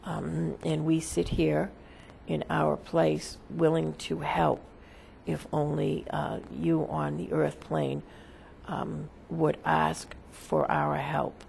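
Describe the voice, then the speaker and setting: Creaky, very slow seance medium in trance. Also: medium pitch, flat delivery, darkish tone, slight background noise. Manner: halting, solemn, formal phrasing. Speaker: seance medium, trance channeler speaking as a spirit. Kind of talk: seance medium trance channeling, answering questions as a spirit.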